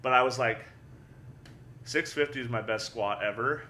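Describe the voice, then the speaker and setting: Animated, swearing man telling a story. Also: mid-range voice, normal speed, slight background noise. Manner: animated, swears freely, repeats words. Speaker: guest powerlifter. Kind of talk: casual storytelling chat.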